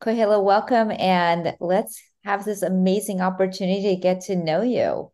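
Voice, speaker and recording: A woman's voice: medium pitch, steady tone, normal speed, darkish tone. A woman hosting an interview podcast, eager and enthusiastic with her guest. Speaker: podcast host. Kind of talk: scripted intro, then interview chat.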